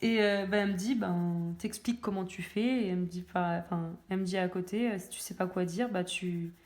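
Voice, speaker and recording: A woman's voice: fairly low pitch, steady tone, fairly quick, a little mellow. A young woman chatting casually while she colors, full of hesitations and self-mocking jokes. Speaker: coloring video creator. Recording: echoey room.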